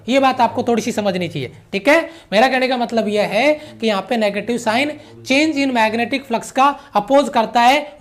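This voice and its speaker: A man giving an online physics lecture who repeats key phrases, mixes English physics terms into his explanation and keeps checking that the students follow. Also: very high-pitched. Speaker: physics teacher.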